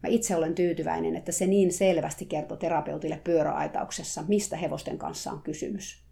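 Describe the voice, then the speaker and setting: Woman reading a story aloud, calm and measured, low gravelly voice. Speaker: narrator. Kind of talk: first-person story reading.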